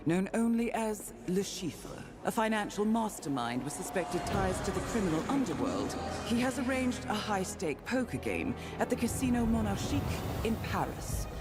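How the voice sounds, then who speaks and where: An actress playing a cool, formal female handler, reading a measured mission briefing. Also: medium pitch, sing-song, lightly acted. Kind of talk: scripted mission briefing narration. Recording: loud music under the voice.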